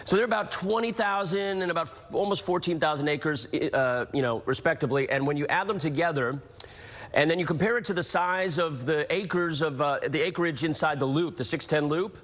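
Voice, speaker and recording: A man's voice: a little high, brisk, fairly bright tone, big-room sound. A man presenting the weather on a morning TV show, explaining and correcting himself as he goes. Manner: explanatory, self-correcting, light teasing. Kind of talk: weather report and chat. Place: TV studio.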